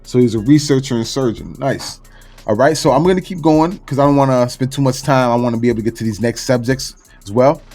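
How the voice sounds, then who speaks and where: A man's voice: medium pitch, fast talker, darkish tone, faint music behind. A man from Florida hosting a casual podcast chat, laid-back and slangy, going down a list with plenty of fillers. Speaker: podcast host.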